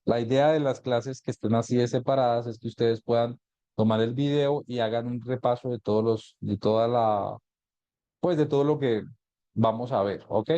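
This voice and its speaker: Male instructor in a live online lesson, mellow tone, patient step-by-step explaining, dry recording. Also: medium pitch, dry recording, muffled recording. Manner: explains step by step, often asks "¿cierto?". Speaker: GIS instructor. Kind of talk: live online class, screen-share tutorial.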